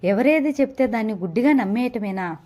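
A woman's voice: fairly high pitch, animated, brisk, warm tone. A woman reading the part of a young wife under twenty-five, stubborn and pleading by turns. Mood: defiant. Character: young wife under 25, longing for a child, defiant.

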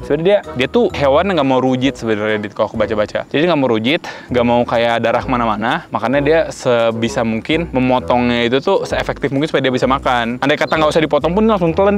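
A man chatting excitably to viewers while handling and feeding a pet, talking outdoors. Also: mid-range voice. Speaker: animal vlogger. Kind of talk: casual vlog chatter.

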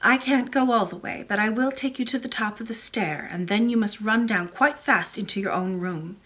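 A woman voicing a kind, mysterious, very old grandmother, speaking softly, low and slowly. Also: close to an everyday voice. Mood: gentle. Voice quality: soft and low, slow.

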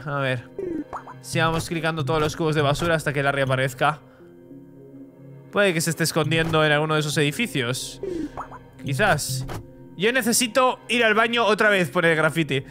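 A young man talks through a video game, reading its text aloud and commenting chattily. His voice is high and bright, with faint game music behind him. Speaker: gaming YouTuber. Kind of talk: let's play commentary.

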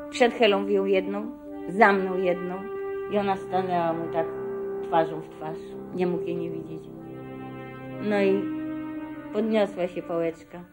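An older woman recounting her own experiences as a witness, in a measured, reflective way that sometimes drops to a hush. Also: on the low side. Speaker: survivor giving testimony. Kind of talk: spoken personal testimony.

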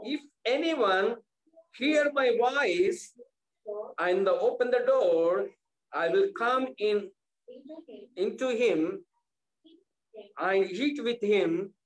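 A male pastor preaching a sermon, repeating his phrases and restarting with halting pauses. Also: sits high, rough recording.

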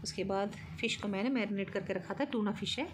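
A woman's voice: mid-range voice, fast, noisy background. Chatty woman walking through home cooking. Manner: chatty, explains step by step, light laughs. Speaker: cooking vlogger. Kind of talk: casual cooking narration. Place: home kitchen.

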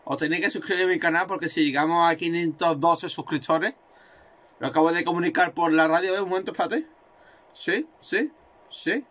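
Man, high voice, bright tense tone, excitable, swearing gamer commentary. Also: fairly quick. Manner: excitable, swearing, repeats words in bursts. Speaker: gaming video creator. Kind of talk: live game commentary.

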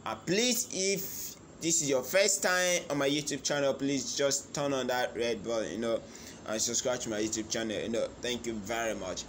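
A man's voice: medium pitch, moderate pace, fairly bright tone, slight background noise. A man with a Nigerian accent giving an informal crypto tutorial as a channel host, talking with insistent, repetitive crypto-bro hype.

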